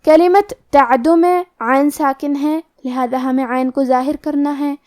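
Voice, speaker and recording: A woman teaching Quran recitation rules, explaining each rule methodically and then reciting the words slowly and drawn out. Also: high-pitched, fairly even intonation, darkish tone.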